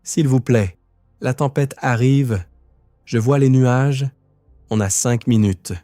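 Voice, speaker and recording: A man's voice: medium pitch, takes it slowly, mellow, no echo, faint music behind, voice pushed up, lightly acted. A man voicing a frantic woman who pleads to be let in before a storm.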